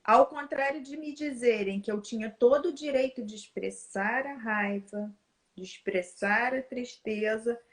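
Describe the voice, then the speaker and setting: A woman's voice: a little high, a little slow. A woman in her forties with a Brazilian Portuguese accent, in a casual conversation, talking emphatically and speeding up as she tells stories.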